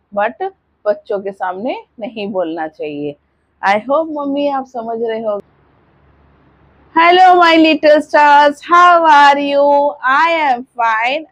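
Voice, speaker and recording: A woman teacher with an Indian English accent talks to parents in a higher voice, earnest and coaxing, often checking that they follow. The sound is dry and a little dull, close to the mic. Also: slightly rough, dry recording. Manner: sing-song greetings, then earnest advice with tag questions. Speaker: preschool teacher. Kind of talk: warm advice to parents and kids.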